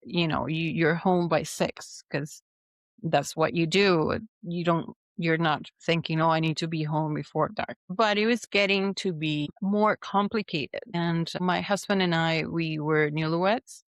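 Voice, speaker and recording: A woman's voice: low voice, fairly even intonation, measured pace, no echo. Chatty woman, dry close sound. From Venezuela. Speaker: guest. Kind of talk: storytelling in a podcast interview.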